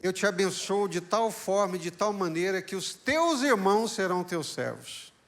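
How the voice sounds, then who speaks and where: A man's voice: sits high, lively intonation, moderate pace, a bit bright, voice pushed up. A man voicing an old father who speaks tenderly but firmly to his son. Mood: solemn. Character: old father, gentle and sorrowful.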